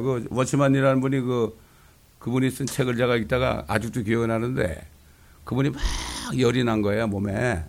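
A man preaching a sermon as a pastor, emphatic and often asking his congregation a quick question. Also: mid-range voice, creaky.

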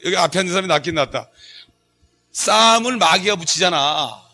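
A middle-aged male pastor preaches a Bible study sermon in call-and-response style, asking the congregation questions and joking and laughing with them. His voice is high and pushed, bright, with lively intonation and a slightly fast pace.

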